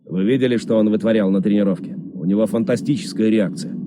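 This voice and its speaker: Man playing a video game commander, fast briefing, lowish voice, matter-of-fact. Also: lightly acted. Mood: steady. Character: calm male commander giving mission briefings. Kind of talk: dubbed video game dialogue.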